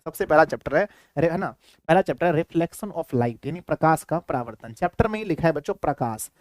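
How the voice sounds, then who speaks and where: Man, Bihari Hindi accent, teacher, repetitive, quizzing, slightly high, dry close mic. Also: expressive, brisk, no room sound. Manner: repetitive, keeps quizzing students. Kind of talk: classroom lecture.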